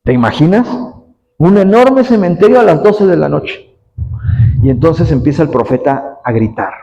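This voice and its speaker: A man delivers a fiery sermon in a fairly high voice. He swings from loud, pressing exhortation down to hushed, low storytelling, and keeps firing rhetorical questions at his listeners. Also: animated, moderate pace, gravelly, in a large hall, muffled recording. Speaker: pastor.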